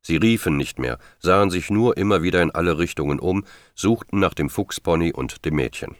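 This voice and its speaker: A man reading a novel aloud in steady, measured narration. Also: low voice, no echo, clean studio sound. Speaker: audiobook narrator. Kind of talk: scripted narration.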